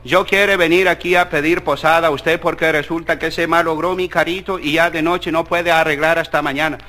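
A man's voice: fairly high pitch, steady tone, a little fast, pushed and bright, pitched below the performer's own voice. A man voicing a polite North American male tourist who speaks in broken grammar.

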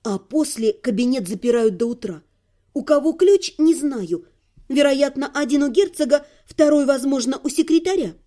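A guarded young servant lad, cautious and frank, talking plainly in a raised, boyish register, as a man reading a storybook puts him on. His voice stays soft and mellow. He speaks clearly and without fuss. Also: very high voice, animated, normal speed, pitched above the performer's own voice. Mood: wary. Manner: guarded, matter-of-fact, clear-spoken.

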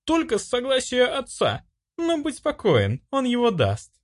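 Guy doing a young woman voice, high and swoopy, bossy and sure of herself, audiobook. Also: wildly swooping pitch, a little slow, heavily acted. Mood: indignant. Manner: bossy, self-assured. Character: brash young woman, priest's daughter.

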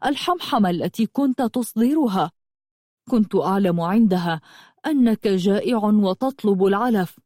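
Devoted horseman talking soft and earnest to his horse, woman reading him, dark mellow tone, dry sound. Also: sits high, lively intonation, moderate pace, no echo. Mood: tender. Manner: earnest, hushed and tender. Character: devoted adult male horseman, tender and earnest.

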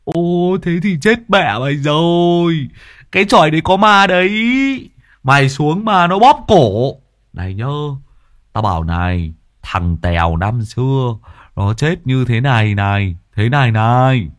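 A man voicing a young farmhand who teases loudly and blusters. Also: fairly low pitch, takes it slowly, pauses often, no echo, clean studio sound. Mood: mocking. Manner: loud, teasing, blustering. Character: loud mocking young male farmhand who loves to scare.

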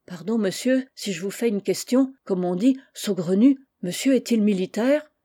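A woman's voice: medium pitch, moderate pace, dark tone, natural voice. A woman reading aloud and voicing a humble, polite grown man, a chimney sweep who speaks deferentially.

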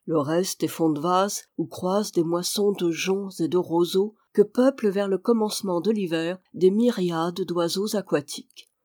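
Measured audiobook narrator, dry close sound. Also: mid-range voice, no echo. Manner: measured, even storytelling delivery. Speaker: audiobook reader. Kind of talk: scripted narration of a classic novel.

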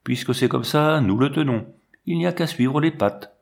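A stolid, practical soldier who answers briefly and calmly, voiced by a man. He uses plain, curt speech at an ordinary middle pitch, close to the reader's own voice. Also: moderate pace, vocal fry, natural voice. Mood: blunt. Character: blunt, sturdy male soldier, calm and practical.

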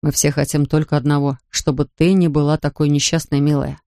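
A narrator voicing a grieving father who talks softly, slowly and tenderly to his daughter. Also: little pitch movement, dry recording, clean studio sound, close to an everyday voice. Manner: soft, low and slow, pleading. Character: grieving gentle father, a big man. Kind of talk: audiobook character voice.

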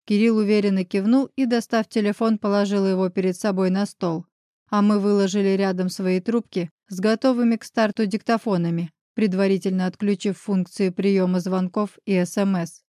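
Woman reading a novel aloud, steady and even, mid pitch, dry close mic. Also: moderate pace, dry recording. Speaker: audiobook narrator. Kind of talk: scripted narration.

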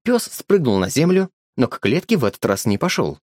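A man narrating an audiobook in an expressive, lively storytelling manner. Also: mid-range voice, brisk, no room sound, clean studio sound.

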